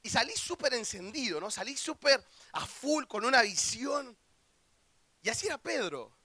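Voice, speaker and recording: A young man with a Rioplatense Spanish accent preaching a lively youth camp sermon, acting out quoted voices and joking with the audience. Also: very high voice, normal speed, no echo. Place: church hall.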